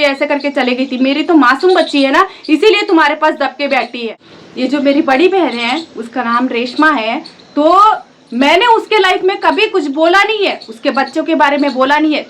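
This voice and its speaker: A woman's voice: high voice, fairly bright tone. A woman vlogger in her thirties from India, angrily and defiantly scolding her family straight to camera. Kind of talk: angry direct-to-camera vlog rant.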